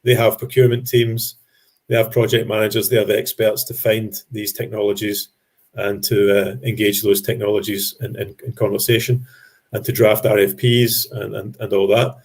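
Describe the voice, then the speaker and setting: Low-voiced man presenting, halting delivery. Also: flat delivery, breathy edge. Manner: measured, with frequent ums and restarts. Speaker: presenter at an industry webinar. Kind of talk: explanatory business presentation.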